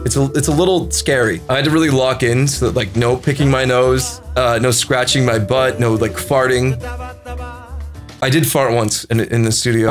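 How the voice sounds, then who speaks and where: A man with a mid-range voice chats casually as a video host, telling a comic story at his own expense. His delivery is animated and self-deprecating, with stop-and-start emphasis, and music plays behind him. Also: medium pitch. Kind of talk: casual comedic storytelling to camera. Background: background music.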